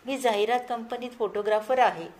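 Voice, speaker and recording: A woman voicing a young male photographer who speaks in a calm, advising way. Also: a little high, brisk, a little hiss or hum, close to an everyday voice. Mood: fond.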